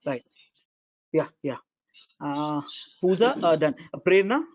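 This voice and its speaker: High-voiced man, low sample rate. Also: expressive. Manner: repetitive, halting, many fillers. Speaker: instructor. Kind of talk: online class lecture. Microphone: video call. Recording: dull lo-fi call audio.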